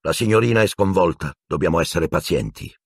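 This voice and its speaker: A man's voice: low-pitched, animated, fairly quick, breathy edge, no echo, clean studio sound, exaggerated voice. A man doing a fussy, anxious minister. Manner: agitated, placating. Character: fussy, anxious middle-aged male minister.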